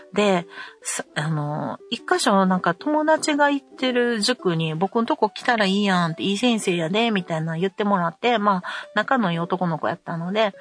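A middle-aged woman with a Kansai accent, hosting a podcast and telling a story in a casual, animated way. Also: on the low side. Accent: Kansai Japanese. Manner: animated storytelling, acting out quarrels. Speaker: podcast host.

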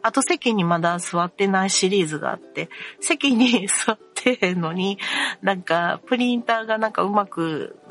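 A woman's voice: on the low side, a bit bright. A young woman with a Kansai accent hosting a casual solo talk show, chatty and wry, with lots of fillers as she complains. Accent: Kansai Japanese. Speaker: podcast host.

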